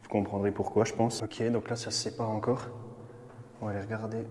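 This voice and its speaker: An urban explorer films a vlog in an underground bunker, nervously joking with his viewers in a low-leaning, flat, slightly mellow voice that moves a little fast. The concrete rooms give a long, cathedral-like reverb, with faint ambience and a light hiss or hum.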